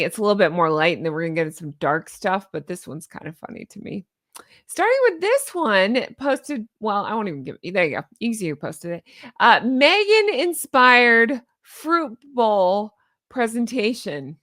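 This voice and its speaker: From her neon-lit home studio, a woman in her thirties with a Southern accent does a casual reaction vlog as a YouTube commentary host, sarcastic, talkative and quick to laugh. Speaking at normal speed into a boom-arm studio mic, her mid-range, fairly bright voice swings widely in pitch, with no echo.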